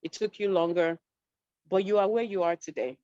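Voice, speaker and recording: A woman hosting an online panel, calmly summing up what guests said. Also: mid-range voice, dry recording. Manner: measured, summarizing questions. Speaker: host. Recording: dry dull online call audio.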